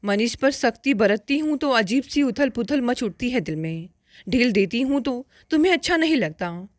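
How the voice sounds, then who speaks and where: A woman's voice: fairly high pitch, expressive, moderate pace, dry recording, clean studio sound, lightly acted. A woman voicing a loving, teasing middle-aged sister-in-law who scolds with affection in a storybook tale. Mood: fretful, fond.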